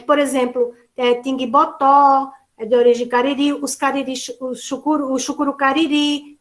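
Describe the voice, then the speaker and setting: A woman with a high voice leads an online seminar over a video call. She explains patiently and at length. She keeps checking in with tag questions and restarts her phrases as she goes. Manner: explanatory, with frequent "né" tags and restarts. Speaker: seminar facilitator and lecturer.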